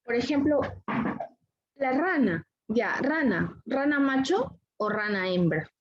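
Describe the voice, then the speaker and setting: A woman teacher giving an online grammar lesson, explaining patiently step by step and often checking with a quick question. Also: high-pitched, sing-song, slightly rough. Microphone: computer mic on a video call. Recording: slightly dull video-call audio with faint noise.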